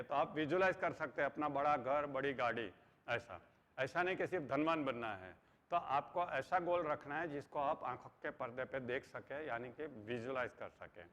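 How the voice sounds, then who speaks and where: Middle-aged male motivational trainer, earnest lecture delivery, mixes in English phrases, slightly high voice, muffled hall recording with long reverb. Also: fairly bright tone.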